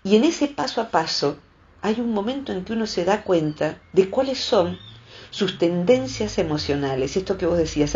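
A woman's voice: fairly low pitch, vocal fry, lo-fi sound. A woman psychologist with a Rioplatense Spanish accent gives reflective advice, acting out the voices she quotes. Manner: expressive, acts out quoted voices. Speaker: psychologist and columnist.

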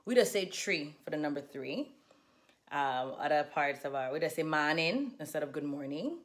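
A woman in her thirties with a Crucian accent from the US Virgin Islands, vlogging casually into a phone held at arm's length. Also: low voice. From St. Croix, US Virgin Islands. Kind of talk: casual vlog chat. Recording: noisy handheld phone recording.

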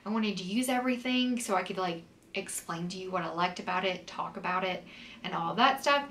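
A woman's voice: fairly low pitch, brisk, fairly bright tone, recorded from a distance, a little hiss or hum. Chatty woman with a stuffy nose. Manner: chatty, lots of "um" and "like". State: stuffy and sniffly from a cold. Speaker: beauty vlogger. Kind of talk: casual product review. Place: home, in winter with snow outside.

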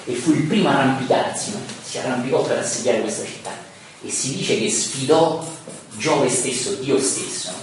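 A man giving a live lecture on poetry, with rhetorical asides and verses read slowly and with emphasis. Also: medium pitch. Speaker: lecturer on Dante. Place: lecture room, recorded from afar. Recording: very echoey room, distant mic, faint hiss.

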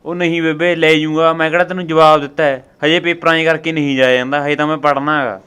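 A man's voice: fairly high pitch, flat delivery, fast, fairly bright tone, clean tone, lightly acted. A man acting a student grandson who keeps reassuring his grandmother that he will take her once his exams end. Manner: placating, reassuring. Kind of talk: family comedy skit acting.

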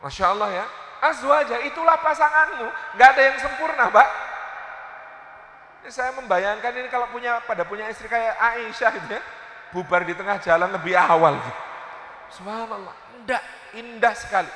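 A man preaching a sermon in a large mosque, telling stories with lively, playful asides to the audience. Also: extremely high pitch, normal speed. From Indonesia. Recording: echoey hall reverb.

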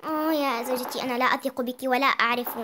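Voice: high-pitched, fairly even intonation, fast talker, noisy background, close to an everyday voice. A young reader voicing a timid poor husband who hesitates and gives in to his wife. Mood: meek. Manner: hesitant, meek, easily cowed.

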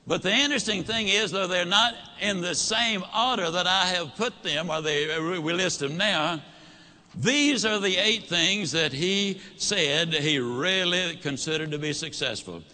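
A man's voice: high-pitched, unhurried, pushed and bright. A man giving a motivational talk, telling a story and acting out both sides of a conversation. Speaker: motivational speaker.

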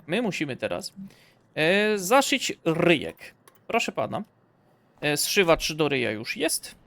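A young male gamer streamer jokes his way through a playful let's-play, chatting to the corpse and to the game itself. His voice is fairly high-pitched and a bit bright.

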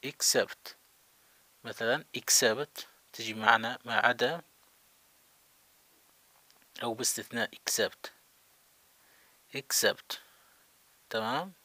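A man teaching English words, repeating each one slowly and checking that his students follow. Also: mid-range voice, sharp tone, no room sound. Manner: slow repetition of words, checking in. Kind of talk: vocabulary lesson.

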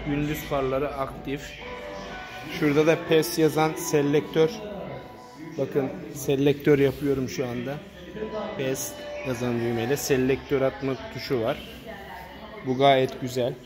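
Holding a phone camera, a motorcycle reviewer walks around a bike in an indoor showroom, plainly pointing out its parts. His mid-range voice is flat and matter-of-fact, at a measured pace with long pauses, and music plays underneath.

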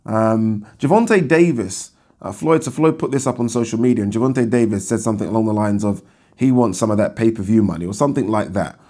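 A man speaks in a fairly low, croaky morning voice, as if he has not long been up. He hosts in a casual, conversational style, posing rhetorical questions and checking in with short tags as he goes. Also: quick pace, darkish tone. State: just woken up, croaky morning voice. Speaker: boxing talk show host. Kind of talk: casual commentary to camera. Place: indoors, small furnished room.

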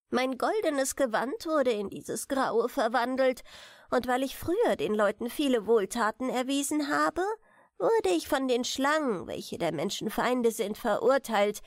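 A woman's voice: a little high, dry recording, studio quality. A woman voicing a small, aged, solemn grey dwarf king who pleads earnestly in a German fairy tale.

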